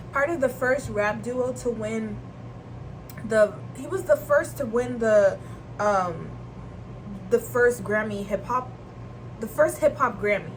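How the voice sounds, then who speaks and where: A young Nigerian vlogger rambles through a casual chat packed with slang and quick laughs, her voice sitting slightly high. Clear background noise runs beneath this home recording.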